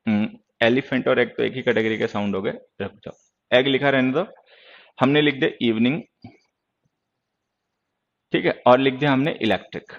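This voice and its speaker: A man's voice: mid-range voice, normal speed, gravelly, long pauses, lo-fi sound. A man teaching English grammar in Hindi during an online class, lecturing sternly and answering viewers' questions.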